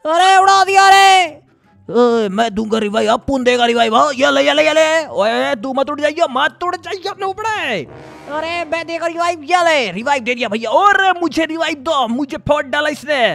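A man from India, giving loud, excitable gameplay commentary full of teasing banter and sudden shouts. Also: very high-pitched, moderate pace, gravelly, dry recording, faint music behind. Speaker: gaming YouTuber.

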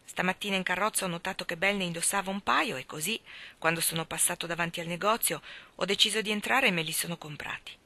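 A woman's voice: on the low side, fast, bright, forceful tone. A woman voicing an anxious, remorseful husband who pleads and exclaims, in a storybook reading. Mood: humble.

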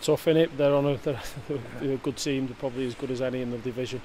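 A man's voice: mid-range voice, fairly even intonation, fast talker, mellow, slight background noise. A man, a football manager giving a post-match interview in a hesitant way, full of fillers and restarts, recorded close up indoors. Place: indoor press area before a sponsor board.

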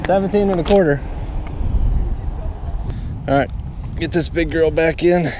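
A man filming himself fishing from a kayak on an open lake, blurting excited exclamations into an action camera. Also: fairly high pitch. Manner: excitable exclamations, slow lively delivery. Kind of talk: excited outdoor fishing commentary. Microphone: action camera mounted on the kayak. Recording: outdoor wind and water noise.

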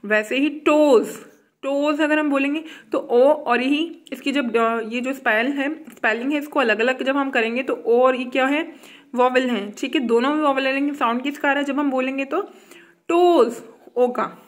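A woman's voice: high voice, steady tone. Indian woman teaching a grammar lesson. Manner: slow when reading English text aloud; repeats "ठीक है" and asks quiz questions.

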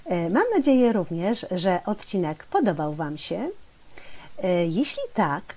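Lady teacher explaining spelling to kids, slow and careful, bouncy lowish voice, lots of ums. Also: warm tone. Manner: slow and deliberate, spelling out syllables; frequent hesitation fillers. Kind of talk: spelling lesson for children.

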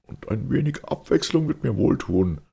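An agitated gentleman, voiced by a man reading aloud pushes his voice up high and loud in a storybook reading, sarcastic and snorting. Under the strain the tone stays low and gravelly. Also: expressive, normal speed, full character voice.

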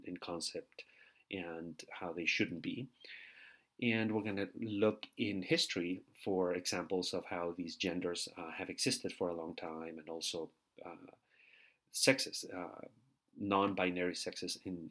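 Over lecture slides, a Peruvian TA talks in a low-sitting, fairly bright voice. His recorded university lecture is halting and full of fillers and repeated words.

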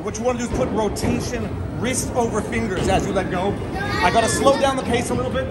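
A man's voice: very high voice, fast. A man in his thirties vlogging on a phone camera in a bowling alley, chatting and explaining his bowling technique. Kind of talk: casual vlog at a bowling alley. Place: large indoor bowling alley. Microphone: phone camera at arm's length. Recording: noisy bowling alley with music. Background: loud crowd and music.

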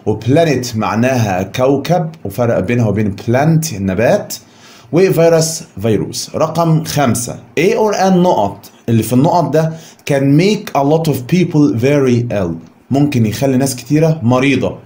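A man with an Egyptian Arabic accent teaching an English vocabulary lesson, repeating each word slowly and clearly for his students. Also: mid-range voice, expressive, mellow. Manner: drills words by repeating them slowly.

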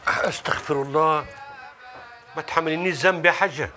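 A man's voice: fairly high pitch, fairly even intonation, a little fast, lightly acted. An actor playing a humble, modest older holy man with an Egyptian accent in a television drama. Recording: music behind the voice. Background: music.

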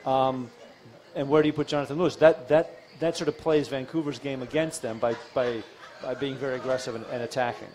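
A middle-aged man co-hosting a soccer post-game show in a bar, with a quick, dry, teasing way of talking. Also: medium pitch, steady tone, a little mellow. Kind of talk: casual post-game analysis. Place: dim bar. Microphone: studio mic on stand with foam cover, headphones.

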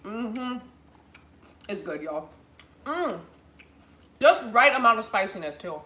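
With big pitch swings and a slow pace, a young woman's mid-range voice sounds bright and forceful as she chats bubbly with viewers during her live home cooking show, assembling a dish. The fixed camera at counter distance picks up echoey kitchen sound and slight background noise.

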